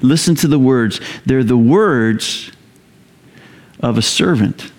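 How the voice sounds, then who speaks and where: A man preaching a sermon, telling the story in a conversational, animated way, rising loud and high when excited and dropping low and quiet to reflect. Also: slow. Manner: conversational fillers and repeated phrases. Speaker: pastor.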